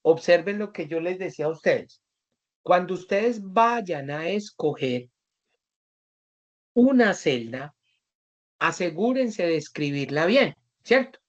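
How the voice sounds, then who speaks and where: Un hombre con acento colombiano que da una clase en línea y explica con paciencia, imitando a sus alumnos en anécdotas. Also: male voice, high-pitched, lively intonation, slow pace, pauses often, highs cut off. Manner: patient, acts out students in anecdotes. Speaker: teacher. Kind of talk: online class, explaining to students.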